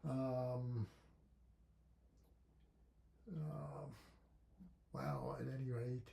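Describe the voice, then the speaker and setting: A man teaching a lecture on consonant sounds, slowly voicing example syllables and thinking aloud with fillers and restarts. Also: mid-range voice, flat delivery, creaky, noisy background. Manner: slow, deliberate, with drawn-out syllable demos. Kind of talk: lecture on phonetics with spoken sound demonstrations.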